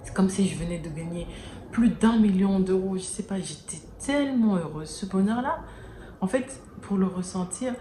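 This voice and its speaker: A woman vlogging to camera in casual talk, earnest and halting with many restarts, filmed without an external mic. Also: medium pitch, warm tone. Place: indoors near an airport, daytime. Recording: roomy echo, faint background noise. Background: planes and sirens passing.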